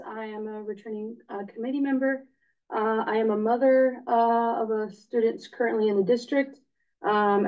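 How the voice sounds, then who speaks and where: A woman, a returning committee member and parent, introducing herself at a public meeting in an earnest, articulate way. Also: medium pitch. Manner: earnest, articulate with some uhs. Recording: muffled meeting-room recording.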